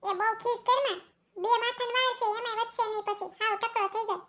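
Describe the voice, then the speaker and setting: A pack of shrill, bossy village women in a cartoon, with a Kathiawadi accent. The voice sits sky-high and bright, racing along as it nags and hollers. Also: female voice, steady tone. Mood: scolding. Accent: Kathiawadi Gujarati. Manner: shrill, quick, nagging and shouting. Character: loud bossy village women, middle-aged, scolding. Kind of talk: cartoon comedy voice acting.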